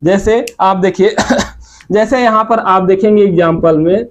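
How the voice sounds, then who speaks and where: A man with an eastern Uttar Pradesh Hindi accent teaching a grammar lesson, who repeats example words slowly and quizzes his students with questions. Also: sits high. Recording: muffled lo-fi sound.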